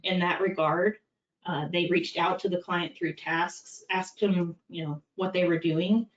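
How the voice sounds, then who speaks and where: Recorded in a far-off, echoey, dull-sounding room, this compliance executive, a middle-aged woman whose first language is English, presents a practical, candid talk. She speaks unhurriedly in a low voice with fairly even intonation. Her manner is conversational, peppered with frequent fillers.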